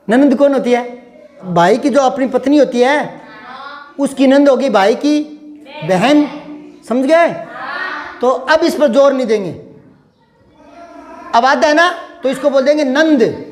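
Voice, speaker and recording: Guy teaching a class, real high voice, keeps quizzing the kids. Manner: patient, drills words over and over; calls pupils "beta", asks constant questions. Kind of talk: classroom grammar lesson.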